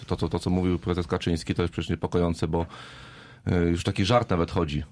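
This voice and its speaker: A man's voice: low voice, little pitch movement, brisk, darkish tone. A man speaking as a guest on a political panel, rambling, with many fillers and tag questions. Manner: rambling, with fillers and "right?" tags.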